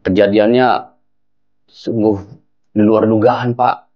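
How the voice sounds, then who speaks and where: An actor playing a pleading, apologetic young husband. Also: male voice, fairly low pitch, flat delivery, slow, highs cut off. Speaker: son-in-law. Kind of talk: low-budget film acting.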